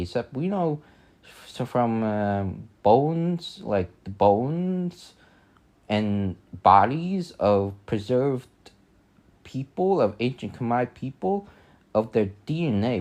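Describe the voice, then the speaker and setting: With a medium-pitched, darkish voice, this Vietnamese-accented man, a native Vietnamese speaker, thinks aloud as he works during a casual live-stream chat. His speech is full of fillers and restarts.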